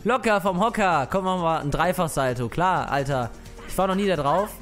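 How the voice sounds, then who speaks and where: A man's voice: high-pitched, expressive, a little fast, a bit bright, soft background music. A man giving casual let's play commentary, brash and mocking, swearing at the game characters.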